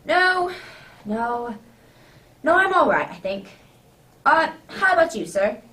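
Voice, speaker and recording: A woman's voice: sits high, big pitch swings, slow, pushed and bright, far from the mic, exaggerated voice. Woman as jovial, swooping Doctor Watson. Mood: flustered, hearty. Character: jovial, flustered male doctor in a Santa suit. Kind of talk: amateur radio drama acting.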